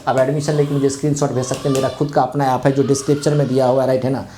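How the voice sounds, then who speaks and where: A man's voice: mid-range voice, flat delivery, rapid-fire, warm tone, a little hiss or hum. A man teaching an online exam-prep lesson in a chatty, conversational way, mixing English words into his Hindi and repeating tag phrases.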